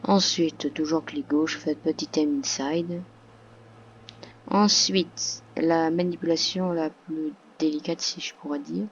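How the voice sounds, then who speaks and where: Slow, hesitant woman explaining a game. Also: low-pitched, steady tone, dull audio, a little hiss or hum. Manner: hesitant, many fillers and restarts. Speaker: game tutorial narrator. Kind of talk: casual tutorial voice-over. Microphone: computer microphone.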